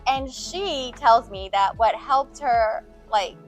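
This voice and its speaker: Animated woman telling quick stories. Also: on the high side, faint music behind. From United States. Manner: animated, quick storytelling with emphatic swings. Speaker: guest answering viewer questions. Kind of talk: casual chat.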